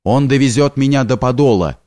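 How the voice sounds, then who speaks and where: A torn, earnest young man, as a male narrator puts him on, his pleas lifted above the narrator's usual pitch. He speaks with grave sincerity, dry and close to the mic. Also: brisk, dark tone, no room sound, lightly acted. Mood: urgent.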